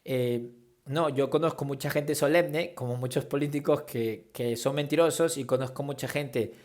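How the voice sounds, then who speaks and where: A man's voice: mid-range voice, fairly even intonation, moderate pace, a little mellow. A man leads a workshop on preaching and public speaking. He explains each technique in an easygoing, conversational way and acts out examples of tone and gesture as he goes. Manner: conversational, demonstrates tones and gestures while explaining. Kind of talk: instructional talk on public speaking.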